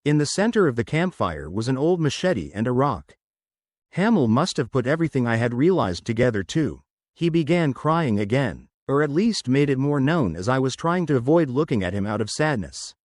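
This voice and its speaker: A man giving a scripted first-person horror narration in a steady storytelling read. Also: medium pitch, dry recording, clean studio sound.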